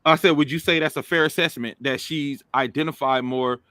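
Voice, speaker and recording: A man with a bright, forceful voice, pitched a little high, who keeps circling back to his question in a casual debate. The sound is dry and close, with no room around it. He talks like a host steering the chat. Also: fairly even intonation, fairly quick, clear, resonant tone, no echo. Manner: persistent, probing questions, says "bro". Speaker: podcast host.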